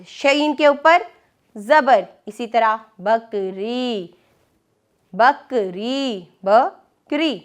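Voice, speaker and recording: A woman leads a children's reading lesson, saying each word slowly and carefully. Her voice sits high, and she drawls every syllable at an unhurried pace. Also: a bit bright. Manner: slow, careful, drawn-out word-by-word pronunciation. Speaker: teacher.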